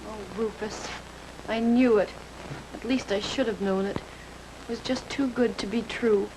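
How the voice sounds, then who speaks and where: An actress playing a meek, hopeful young stepdaughter in a fairy tale, hesitant, polite and wistful. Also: female voice, fairly high pitch, fairly even intonation, unhurried, very noisy, close to an everyday voice. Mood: dejected. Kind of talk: fairy-tale television acting.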